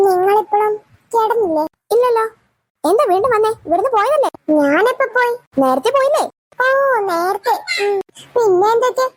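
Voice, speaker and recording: A woman voicing the family in a cartoon with quick, teasing, bantering talk. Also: extremely high pitch, slight background noise. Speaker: cartoon creator voicing all characters. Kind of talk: cartoon voice acting, bickering household chat.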